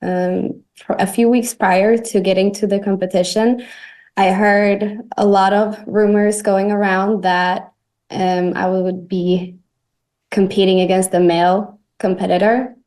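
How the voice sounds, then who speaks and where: Soft-spoken Swedish woman guest. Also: mid-range voice, little pitch movement, measured pace. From Sweden. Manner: soft-spoken, hesitant with fillers. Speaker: guest athlete.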